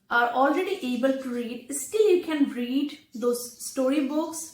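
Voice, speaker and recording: A woman with a high voice, who isn't a native English speaker, teaches a lesson to learners as an English teacher presenting on video. She talks slowly and deliberately, splitting her advice into brief phrases, and the room gives her voice a noticeable echo.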